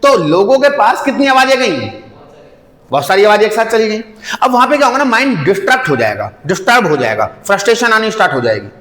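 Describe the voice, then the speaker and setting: A man teaching a science class, lively and often asking the students questions. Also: sits high, fast talker. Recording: echoey room, long reverb.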